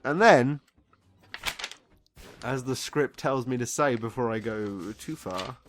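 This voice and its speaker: Over heavy background noise, a man with a mid-range voice at a moderate pace reviews a film comedically and casually. He's drunk and getting drunker, wandering off script, losing his thread, swearing frequently, and sounding exasperated.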